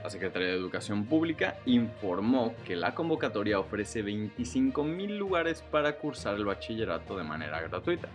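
Over background music, a Mexican man delivers scripted podcast news in a highly animated way, stressing the start of each phrase and letting the ends drop while keeping his wording casual. His voice sits low, his pace is fairly quick, and he barely pauses.

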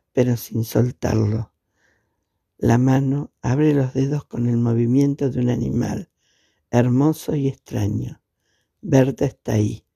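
A man narrating a fantasy short story in a measured, solemn manner. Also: mid-range voice, gravelly, warm tone, husky, dry recording, studio quality. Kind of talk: storybook reading.

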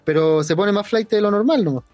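A woman's voice: medium pitch, a little fast, a little mellow, dry recording, soft background music. A Chilean woman chatting casually in a teasing, jokey way. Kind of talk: casual chat.

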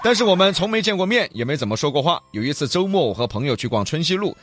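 Animated Sichuanese man hosting radio banter. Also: on the high side, fast talker, noisy background. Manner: colloquial, joking, animated. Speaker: radio talk show co-host. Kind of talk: casual banter, reading listener stories.

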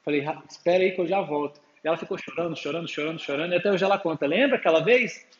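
In an echoey church hall with a faint hum and dull sound, a man preaches to his congregation, calling for amens again and again. He acts out talks with his little daughter in a rapid, steady, highish voice.

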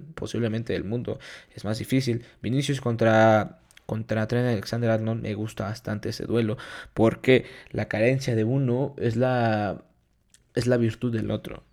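Gravelly-voiced man breaking down a match. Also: lowish voice, fairly even intonation, normal speed, darkish tone. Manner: thoughtful, weighs players against each other, repeats key words for emphasis. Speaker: football analyst hosting a match preview. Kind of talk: unscripted match analysis.

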